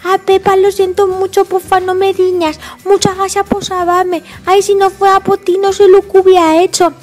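A carefree toddler boy piglet talks in a high, babyish, sing-song voice, as a woman puts him on. He has a Spain Spanish accent. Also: completely flat delivery, normal speed, darkish tone, faint music behind. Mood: apologetic.

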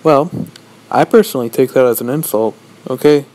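A young man giving a rambling, deadpan comic monologue, posing as a lecturer. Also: medium pitch, normal speed, low-quality recording. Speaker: vlogger. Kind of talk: mock-serious comedic monologue.

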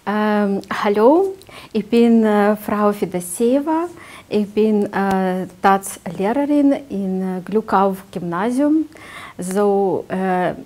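Ukrainian-accented woman, slow and halting. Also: medium pitch, darkish tone. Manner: halting, many filler sounds. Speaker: teacher. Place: classroom. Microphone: lapel mic.

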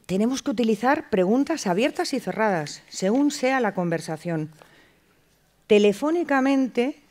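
An animated woman from lectures a conference audience in a mid-range voice. She keeps the talk lively with rhetorical questions and short acted-out phone exchanges. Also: mid-range voice. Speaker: conference speaker. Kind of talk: lecture at a clinical communication conference.

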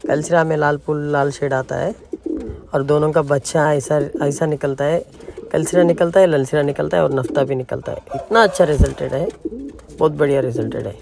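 A man's voice: fairly high pitch, steady tone, moderate pace, vocal fry. Guy chatting away about his birds at an outdoor loft, noisy phone video, pigeons cooing. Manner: chatty, explaining to visitors. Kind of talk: casual vlog walkthrough.

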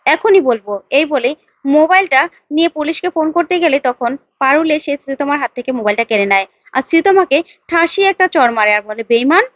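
Woman storyteller, high voice, dry sound, slightly dull recording. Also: lively intonation, fairly quick, a bit bright, dry recording. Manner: plain storytelling. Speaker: narrator. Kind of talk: retelling a TV serial episode.

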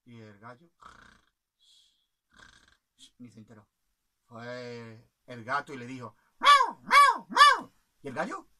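A man with a Spanish accent telling an animated children's story, playfully imitating animal sounds and laughing along. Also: mid-range voice, a little slow, pauses often.

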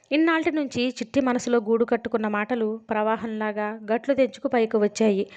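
A woman narrating a novel as an audiobook in a steady storytelling manner. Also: a little high. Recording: dull lo-fi sound.

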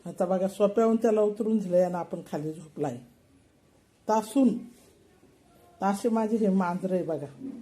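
A woman's voice: mid-range voice, mellow. An older woman, talking casually to her pet cats at home and cooing to them in baby-talk. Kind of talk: casual home video narration.

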